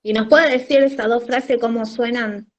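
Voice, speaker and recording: A woman's voice: on the high side, steady tone, moderate pace, dull audio. A woman student politely asking her teacher questions during a class.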